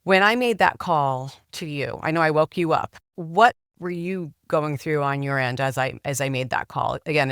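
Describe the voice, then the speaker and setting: Middle-aged woman host, earnest, halting; smooth, dry close sound. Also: deep voice, a bit bright, no room sound. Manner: earnest, halting with repeated words. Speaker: podcast host. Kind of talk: interview.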